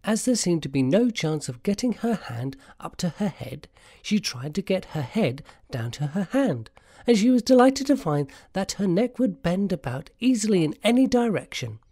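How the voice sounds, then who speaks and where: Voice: mid-range voice, very animated, moderate pace, warm tone, no room sound, clean studio sound. A narrator reading a scripted story in an audio adaptation.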